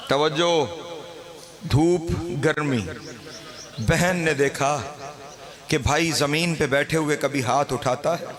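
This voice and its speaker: Pakistani cleric, high male voice, mournful wailing sermon over a loud crowd of mourners. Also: steady tone, takes it slowly, pauses often. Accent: Pakistani Urdu. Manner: lamenting, rising to wailing cries. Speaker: Shia cleric reciting a majlis.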